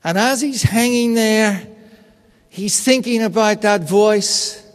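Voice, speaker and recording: A man preaching a sermon in an unhurried, conversational and personal way, telling stories. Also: high-pitched, big-room sound. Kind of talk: sermon with storytelling.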